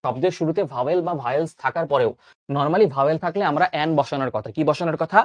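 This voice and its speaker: A man's voice: fairly high pitch, quick pace, no room sound, muffled recording. A young man teaches an online grammar lesson, asking questions and answering them himself. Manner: lively, coaxing, asks and answers own questions. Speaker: admission exam tutor.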